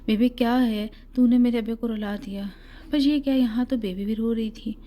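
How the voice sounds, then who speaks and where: A woman's voice: on the high side, steady tone, dark tone, close to an everyday voice. A woman voicing a spirited, headstrong young village daughter in an audiobook story, blunt and forthright. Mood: playful.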